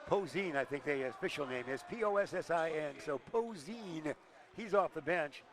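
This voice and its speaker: Play-by-play guy calling a high school ball game, kinda high voice, fast excited calls, gym noise. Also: crowd noise. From Illinois. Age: older. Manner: rapid excited calls, chatty asides. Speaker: play-by-play announcer.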